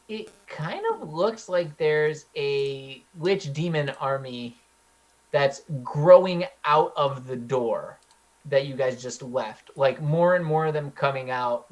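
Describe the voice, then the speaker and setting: A man's voice: a little high, highs cut off. A young Californian man running a tabletop game as dungeon master, loose and hesitant with plenty of ums and uhs. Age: young adult.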